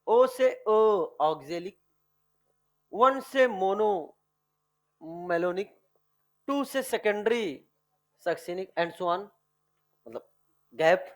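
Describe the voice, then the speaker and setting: A man with a notably high voice teaches a chemistry class. He fires off repeated questions, waits for answers, and drags out the key terms. He calls his students dear children. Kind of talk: classroom lecture with online students.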